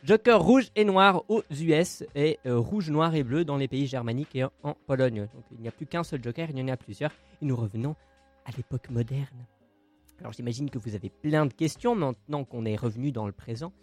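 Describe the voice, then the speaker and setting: A man's voice: medium pitch, a little fast, faint music behind. A man co-hosting a casual podcast, presenting a segment in a playful, theatrical, jokey way.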